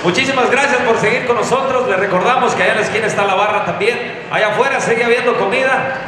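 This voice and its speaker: A man's voice: very high voice, fast, background noise. A man from Tierra Caliente, Mexico, emceeing a live stage show with a handheld mic, loose, joking and thankful. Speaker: event emcee. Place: large indoor event hall with a stage. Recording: echoey hall over live music.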